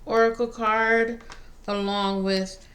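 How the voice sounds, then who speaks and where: A woman giving a casual spiritual card reading to viewers, pausing between phrases. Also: fairly high pitch, flat delivery, a bit bright. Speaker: tarot and oracle card reader. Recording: faint background noise.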